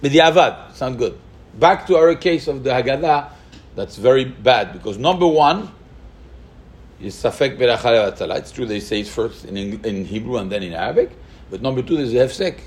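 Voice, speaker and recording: A man's voice: mid-range voice, animated, normal speed. A man teaching a halachic lesson, thinking aloud with rhetorical questions and mixing Hebrew terms into his English. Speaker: Torah teacher. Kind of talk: halachic lecture.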